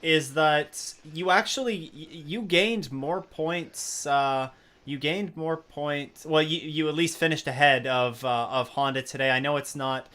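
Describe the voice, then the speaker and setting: A man hosting a racing league broadcast conducts post-race interviews with drivers in an upbeat, rambling way. His voice is fairly high, bright and forceful, and he speaks unhurriedly.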